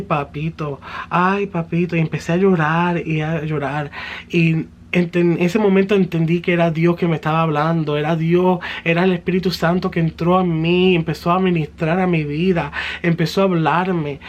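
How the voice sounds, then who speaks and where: A man's voice: a little high, highs cut off. A man giving a personal religious testimony in an earnest, fervent way, slipping English words into his story.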